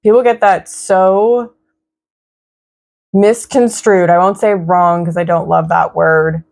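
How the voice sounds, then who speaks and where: A woman's voice: lowish voice, fairly even intonation, gravelly, darkish tone. A young woman giving a casual tarot reading in a reflective, encouraging way. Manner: slow, reflective, spiritual, encouraging. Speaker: tarot reader.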